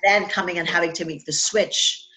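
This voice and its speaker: A woman hosts a relaxed interview. She talks chattily, with plenty of fillers and restarts. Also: fairly low pitch, normal speed, gravelly. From Trinidad and Tobago. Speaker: podcast host. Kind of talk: casual interview chat.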